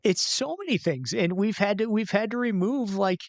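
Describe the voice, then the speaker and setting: A man's voice: high-pitched, animated, moderate pace, dry recording, clean studio sound. A man guest in a casual podcast interview, talking loosely with lots of filler words and easy laughs.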